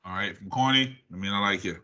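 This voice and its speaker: A talkative young man in casual chat, playful and quick to laugh. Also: lowish voice, sharp tone.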